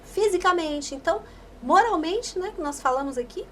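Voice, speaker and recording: A woman hosting a podcast interview, asking emphatic, animated questions. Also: very high voice, normal speed, slight background noise. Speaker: podcast host.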